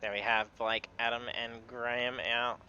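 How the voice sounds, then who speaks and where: A man's voice: medium pitch, level tone, moderate pace, sharp tone, lo-fi sound. An Australian man working as a race commentator and interviewer on a live sim racing broadcast. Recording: clear car noise behind. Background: vehicle noise.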